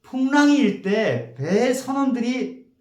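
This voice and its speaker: A male pastor preaching a sermon in a church, telling the story in an animated way and acting out the quotes. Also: very high-pitched, a little slow, echoey room. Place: church sanctuary.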